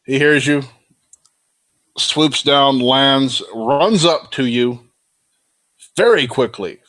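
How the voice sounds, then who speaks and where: A man's voice: medium pitch, slow pace, fairly bright tone. A man improvising narration as game master of a tabletop game in a casual style.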